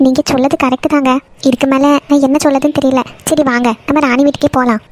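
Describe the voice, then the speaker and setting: A woman voicing a patient, forgiving mother in a cartoon, gently pleading with her husband. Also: sits high, flat delivery, fast talker, no echo, natural voice. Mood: pleading, gentle. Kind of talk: Tamil cartoon voice acting.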